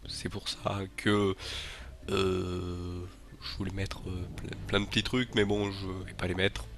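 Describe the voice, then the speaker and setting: Music plays under a low-pitched male voice with vocal fry, level in tone and measured in pace. The host, stuffed up with a cold, chats to his viewers in a casual announcement, hesitant and rambling, restarting and using fillers often.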